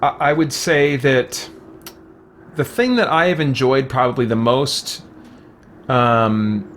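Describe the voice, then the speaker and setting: Speaking slowly in a slightly bright, medium-pitched voice, a game streamer answers viewers' comments in a casual, hesitant way, groping for words. Faint background music runs under his voice, along with a bit of hiss or hum.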